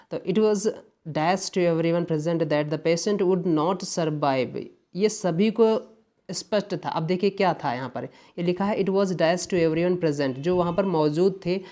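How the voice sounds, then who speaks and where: A man's voice: fairly high pitch, mellow. A male English teacher walking through an exam paper, explaining each word patiently and often checking that students follow. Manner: explains patiently, mixing English terms into Hindi; keeps checking in with "है ना" and "ध्यान दीजिएगा". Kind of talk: exam paper walkthrough lesson.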